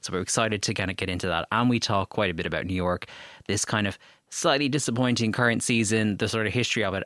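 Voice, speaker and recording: A man's voice: fairly low pitch, fairly bright tone, no room sound, studio quality. An Irish man hosting a podcast, introducing the show and chatting casually with his guest. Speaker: podcast host.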